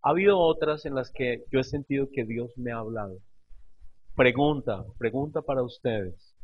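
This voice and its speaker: Pastor preaching, storytelling and repeating himself a lot, average pitch, bit muffled audio. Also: male voice, moderate pace, slight background noise. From Colombia. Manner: expressive storytelling, repeats phrases for emphasis. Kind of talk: sermon.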